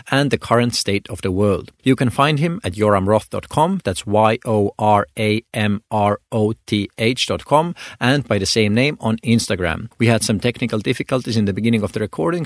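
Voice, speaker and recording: Low-voiced male podcast host, dry sound. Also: dry recording. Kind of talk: podcast introduction and interview questions.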